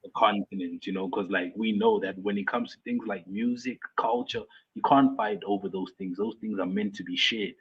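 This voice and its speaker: A man's voice: on the low side, moderate pace, hardly any pauses, slightly rough. A young man from South Africa, a guest artist on a video call, explains things casually with lots of fillers and restarts. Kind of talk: casual interview chat. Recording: muffled lo-fi remote audio.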